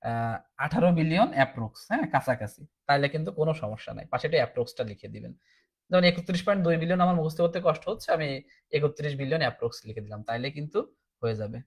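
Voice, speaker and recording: A man's voice: on the high side, animated, very fast. A man teaching a recorded exam-prep class, explaining step by step and often asking "ঠিক আছে?", sounding tired. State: tired, low on energy.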